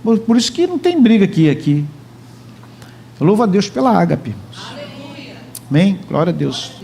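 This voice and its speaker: A man's voice: high-pitched, sing-song, normal speed, gravelly, warm tone, slight background noise. A man preaching a sermon as pastor in a church, joking and chatting with the congregation. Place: church hall.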